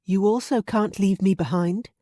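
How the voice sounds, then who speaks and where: A woman's voice: mid-range voice, moderate pace, mellow, no echo, studio quality, voice pushed up, natural voice. A woman narrator voicing a headstrong, playful young woman in a romance audiobook, bold and teasing. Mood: teasing, insistent.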